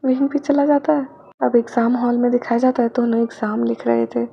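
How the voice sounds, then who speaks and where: High, gravelly woman reading a story. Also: level tone, a little fast. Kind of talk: reading fan fiction aloud. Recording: dull lo-fi, faint noise.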